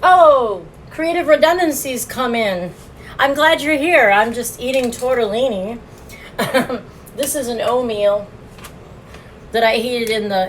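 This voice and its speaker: A woman's voice: fairly high pitch, slight background noise, low-quality recording. A woman streaming a casual food review, chatting with her viewers and laughing often as she eats, recorded on a phone. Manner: chatty, laughs often, talks while eating.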